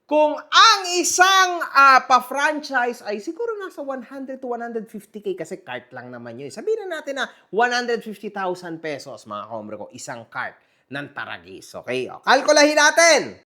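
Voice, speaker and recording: A man hosting a gossip commentary vlog, mocking and animated, swearing and calling out to his viewers. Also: extremely high pitch, moderate pace. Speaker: online commentary host.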